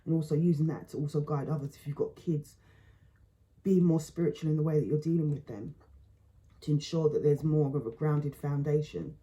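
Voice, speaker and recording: A woman gives a relaxed tarot reading out loud, thinking as she talks in halting phrases and repeating words often. She mentions that her voice feels low today.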